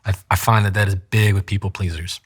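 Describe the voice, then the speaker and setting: A man's voice: sits low, fairly even intonation, quick pace, husky. A man who works as a trial attorney explains in an interview how to speak with control, acting out examples and showing how pacing changes the way words land. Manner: acts out quoted voices, demonstrates pacing. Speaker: trial attorney and communication coach.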